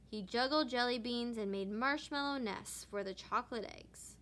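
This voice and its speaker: A woman teacher reading a children's picture book aloud with expressive narration. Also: fairly high pitch, moderate pace. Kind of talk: storybook read-aloud.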